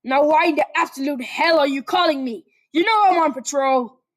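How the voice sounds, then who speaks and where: A woman voicing a gruff, hot-tempered young male hero who snaps and barks his lines. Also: high-pitched, moderate pace, pitched above the performer's own voice, natural voice. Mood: irritated. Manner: barking, snappish.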